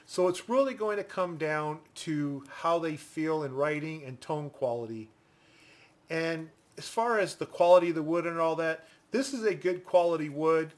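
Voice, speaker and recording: A man giving a casual product review in a deliberate, explanatory manner. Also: fairly high pitch.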